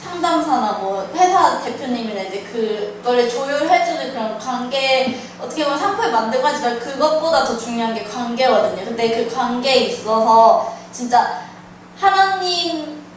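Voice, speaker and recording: A high-voiced young woman shares her week with her church group, talking in a chatty, animated, rambling way. She sits far from the mic, so her voice comes through with a lot of room echo and a faint hiss underneath. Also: moderate pace. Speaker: church small-group member. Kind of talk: personal testimony sharing. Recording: echoey room, picked up from far off.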